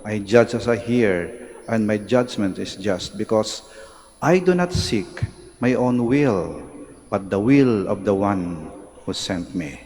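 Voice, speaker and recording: Filipino priest guy talking slow and solemn in church, big cathedral echo, bit of noise. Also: lowish voice, animated, a little mellow. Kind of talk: solemn Gospel reading and homily. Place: large reverberant church. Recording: cathedral-like echo, long reverb, background noise.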